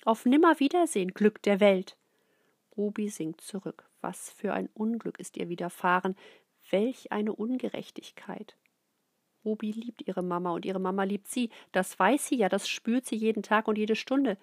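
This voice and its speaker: A middle-aged woman reads a children's book aloud in an expressive way, often dropping into soft whispers. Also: mid-range voice, moderate pace, dry recording, studio quality. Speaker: narrator.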